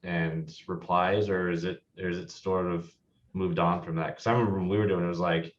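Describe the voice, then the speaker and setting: A man co-hosting a casual interview, asking loose, relaxed questions. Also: deep voice, fairly quick. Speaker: podcast co-host. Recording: dull lo-fi audio.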